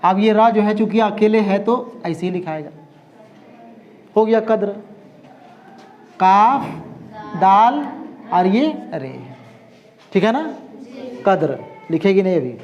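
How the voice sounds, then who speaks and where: A man's voice: sits high, animated, slow pace, long pauses, darkish tone, muffled recording. A man teaching a language class, repeating each word and often checking that the students follow. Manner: repeats words and keeps checking understanding. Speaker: Urdu teacher.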